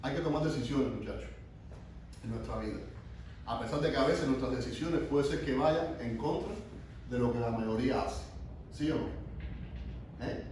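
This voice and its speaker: A man's voice: medium pitch, moderate pace, pauses often, a little mellow, slight background noise. A man from Cuba, a youth pastor teaching a sermon who asks his listeners questions and often restarts his phrases. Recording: echoey room, mic from far off.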